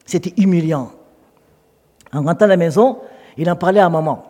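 Man, preacher, high voice, animated sermon storytelling, long hall reverb. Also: normal speed.

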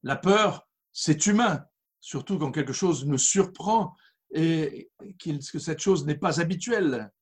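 A man preaching a sermon as pastor, reading scripture aloud and then expounding it with slow, deliberate emphasis. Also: a little high, animated, breathy edge.

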